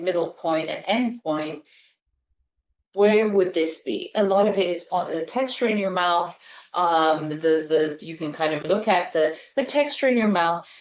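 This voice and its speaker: A woman hosting a casual wine-tasting chat as a sommelier, explaining in a chatty teacher's way. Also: lowish voice. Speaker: sommelier host. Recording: dull lo-fi recording.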